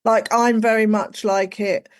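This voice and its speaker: A woman's voice: mid-range voice, flat delivery, measured pace. A woman, chatting casually as a podcast guest, full of "like" and "you know". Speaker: guest, executive coach.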